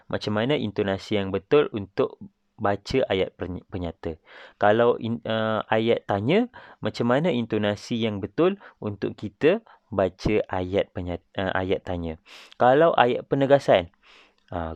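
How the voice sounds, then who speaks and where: Deep slow Malaysian male teacher. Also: no room sound. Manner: explains step by step, acting out sentence intonation. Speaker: primary school teacher. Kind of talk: recorded class lesson. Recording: dull, dry lo-fi recording.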